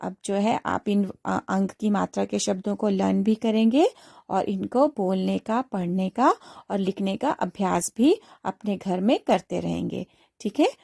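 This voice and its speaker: A woman's voice: medium pitch, unhurried, vocal fry, a little mellow, no echo, studio quality. A woman teaching a primary school phonics lesson, sounding out each word syllable by syllable for young students. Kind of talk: slow spelled-out phonics lesson.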